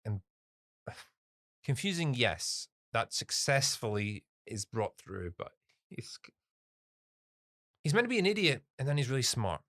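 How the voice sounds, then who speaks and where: A man co-hosting a film podcast talks in an animated, rambling way, leaning hard on his points. His voice is bright and swoops up and down a lot. The sound is close and dry. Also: mid-range voice, measured pace, long pauses, no echo. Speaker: podcast co-host. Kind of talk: casual film review chat.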